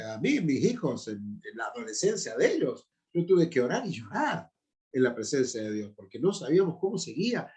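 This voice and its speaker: A man's voice: a little high, darkish tone. A man in his fifties with an Argentine Spanish accent, a pastor teaching a Bible class in an informal sermon style, with emphatic, chatty asides. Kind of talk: informal sermon-style lecture with personal stories.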